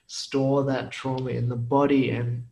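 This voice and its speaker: A man's voice: mid-range voice, little pitch movement, a little slow, vocal fry, mellow, roomy sound. A man hosting a casual podcast interview, enthusiastic and affirming in a chatty way. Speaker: podcast host.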